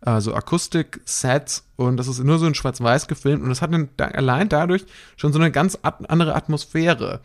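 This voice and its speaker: A man's voice: on the high side, moderate pace, hardly any pauses. A man in casual conversation, thoughtful and searching for his words, often breaking into light laughter. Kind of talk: casual chat.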